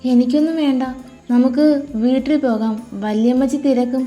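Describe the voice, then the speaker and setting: A woman voicing a shy young college girl engaged to be married, speaking higher and softer. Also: normal speed, soft background music, natural voice. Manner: shy, pleading, higher pitched.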